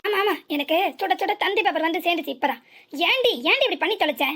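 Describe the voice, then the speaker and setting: A woman's voice: expressive, quick pace, noisy background. A woman voicing a furious middle-aged village mother who berates and laments at her daughter in a cartoon serial. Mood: lamenting. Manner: shrill, berating, lamenting scolding.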